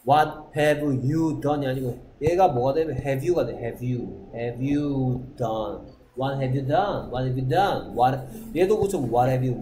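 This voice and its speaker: Male english teacher, quizzing and repeating phrases; mellow voice, echoey classroom, faint hiss. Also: medium pitch. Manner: drills pronunciation, quizzes students with rhetorical questions. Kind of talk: classroom lecture.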